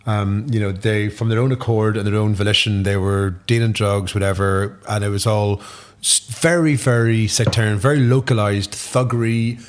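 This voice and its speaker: Animated Northern Irish man telling stories. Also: fairly low pitch, moderate pace, hardly any pauses. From Northern Ireland. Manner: animated storyteller, swears freely, laughs often. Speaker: podcast guest. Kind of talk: casual chat.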